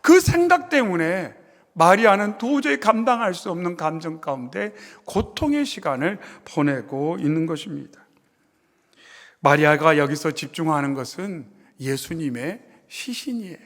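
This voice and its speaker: High-voiced pastor preaching in a reverberant church. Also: male voice. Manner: dramatic, swings from loud pleading questions to hushed low endings. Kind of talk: sermon. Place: church sanctuary.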